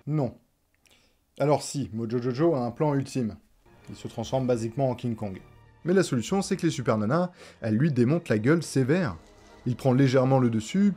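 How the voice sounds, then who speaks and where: This young video essayist has a medium-pitched, somewhat mellow voice. He reads a scripted recap with sarcastic, irreverent flair and casual phrasing while music plays behind him.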